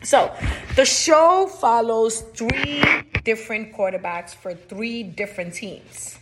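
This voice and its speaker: A woman's voice: on the high side, slow pace, background noise. Chatty woman podcast host, Spanish accent. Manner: chatty and emphatic, repeats phrases. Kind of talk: casual podcast monologue.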